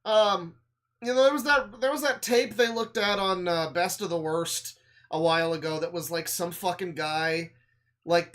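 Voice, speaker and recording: A man's voice: fairly high pitch, a bit bright. Male streamer, dry sarcastic running commentary, often drops to a mutter. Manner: sarcastic, mumbling asides, swears. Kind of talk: casual reaction commentary.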